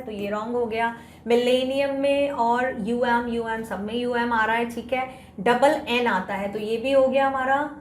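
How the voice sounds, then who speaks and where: A woman's voice: fairly high pitch, a bit bright. A young Indian woman teaching an exam-prep spelling lesson, spelling words out letter by letter and switching between Hindi and English. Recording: echoey room with faint background hiss.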